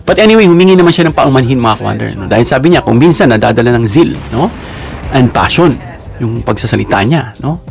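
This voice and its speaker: A man's voice: mid-range voice, a little mellow. A man giving casual political commentary as a vlogger, chatty and emphatic, often checking in with his viewers. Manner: chatty, repeats "no?" and addresses viewers; slow and emphatic on key words.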